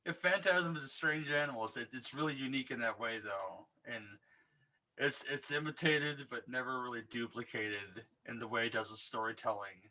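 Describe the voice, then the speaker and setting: Male podcast co-host, mid-pitched, bright and forceful tone, rambling enthusiasm, loose casual chat. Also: moderate pace. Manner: rambling and enthusiastic, many restarts. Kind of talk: casual podcast chat about horror films.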